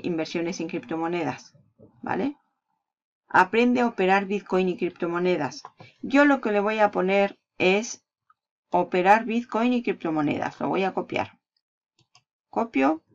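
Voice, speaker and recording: Lady doing a screen tutorial, bit of fry in her voice, dull lo-fi sound, keys clacking. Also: mid-range voice. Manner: walks through steps while clicking, asks and answers her own questions. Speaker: online marketing tutor.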